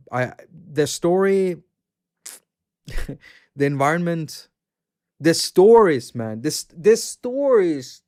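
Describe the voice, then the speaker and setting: This Swedish man hosts a casual livestream, rambling about games, reading viewer chat aloud, and laughing often. His voice sits on the high side and is a little mellow.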